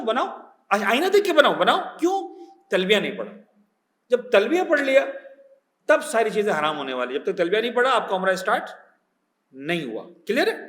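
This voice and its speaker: A man with a Pakistani accent teaching a religious class as a cleric, animated, mixing in English words and checking that his listeners follow. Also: high voice, reverberant. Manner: animated teacher, checks understanding with quick questions.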